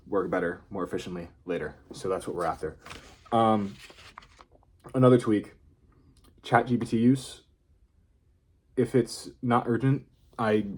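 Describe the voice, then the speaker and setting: A man's voice: deep voice, husky. A man talking casually in an unscripted video diary, rambling and hesitant as he thinks aloud. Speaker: vlogger.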